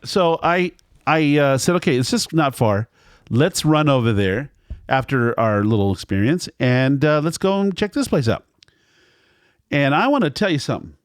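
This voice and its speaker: A man's voice: on the high side, animated, normal speed, smooth, dry recording, studio quality. A man recounting a restaurant visit in a casual, rambling way. He repeats himself and acts out what the staff said. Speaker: restaurant reviewer.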